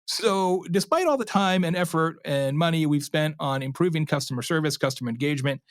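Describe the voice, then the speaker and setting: This slightly high male voice talks briskly in a studio-quality recording free of room sound. As the expert guest in an interview, he tells stories with animation, voicing made-up customer lines and asking "right?" as he explains things conversationally.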